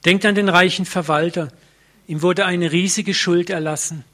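A male preacher with a somewhat high-pitched voice delivers a sermon. He talks in a casual, lively way, tells stories with everyday slang, and keeps turning straight to his listeners with questions. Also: normal speed. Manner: colloquial and lively, addressing the congregation directly; vivid storytelling with everyday slang.

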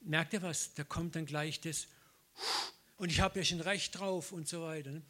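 A man's voice: a little high, normal speed. A middle-aged man preaching a sermon, telling personal stories with acted-out dialogue and frequent laughter. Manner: lively storytelling, acts out dialogue, laughs often.

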